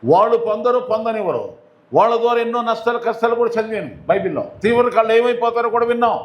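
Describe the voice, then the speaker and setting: High-pitched preacher guy, repeats words a lot, asks the crowd questions, roomy echo. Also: expressive, fast talker, muffled recording. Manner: repetitive, emphatic preaching with call-and-response questions. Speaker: pastor. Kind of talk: Telugu sermon.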